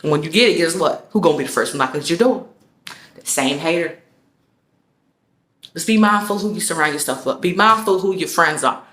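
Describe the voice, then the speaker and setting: A woman's voice: fairly low pitch, expressive, brisk, pauses often, a bit bright, echoey room. A woman vlogger delivering a casual motivational rant, emphatic and slangy, repeating her phrases for effect.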